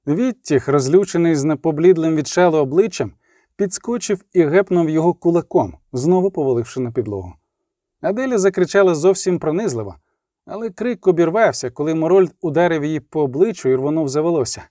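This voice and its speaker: Man, dramatic audiobook narrator, animated high-ish voice, dry close recording. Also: a little fast, dry recording. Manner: lively, dramatic reading.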